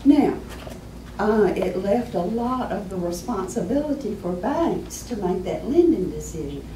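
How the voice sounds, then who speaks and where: A woman presenting to an audience as a small business adviser, folksy and emphatic, her voice hoarse as she keeps clearing her throat. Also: mid-range voice, animated, unhurried, mellow, a little hiss or hum. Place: meeting room with an audience. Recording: echoey room from far off.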